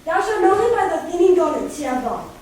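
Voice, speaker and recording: Woman as a commanding fairy king: very high, stately verse, distant and echoey. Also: big pitch swings, fast talker, a little mellow, a little hiss or hum. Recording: echoey hall from far off.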